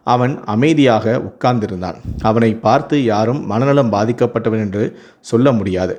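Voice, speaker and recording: A man reading a first-person storybook tale in a steady, even narrating voice. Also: lowish voice.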